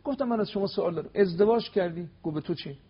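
On a religious television program, a male cleric guest tells stories with animated emphasis, voicing quoted dialogue with a rising pitch. His voice has a breathy edge, and the recording's high frequencies are cut off.

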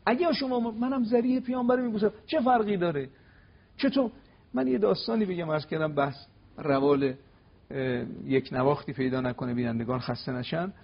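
A man giving an animated religious talk on television, telling stories and acting out quoted exchanges with emphasis. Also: breathy edge, lo-fi sound. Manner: emphatic, acts out quoted dialogue with rising pitch. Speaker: cleric guest on religious TV talk. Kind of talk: animated religious lecture with storytelling.

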